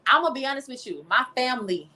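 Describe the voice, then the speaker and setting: Speaking quickly in a high, bright and forceful voice with lively intonation, a young adult singer-songwriter from Louisiana in the United States talks as an interview guest. Her casual chat is emphatic and carries a Southern American accent.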